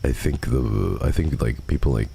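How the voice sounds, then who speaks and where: Very deep, creaky and dark, this man's voice swings widely in pitch at a normal speed as he hosts a livestream, casually chatting and responding to viewers' messages. The mic is close, and there's faint background noise.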